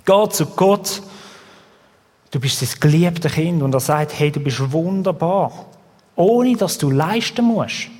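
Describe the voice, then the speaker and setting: A man preaching an earnest, exhorting sermon that rises and falls in loudness. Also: on the high side, expressive, slow pace, husky. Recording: long hall reverb.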